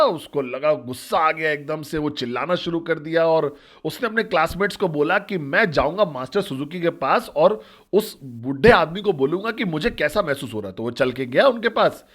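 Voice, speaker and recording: A man's voice: a little high, a bit bright. A man telling a story in a motivational talk as a network marketing trainer, speaking directly and asking the listeners questions.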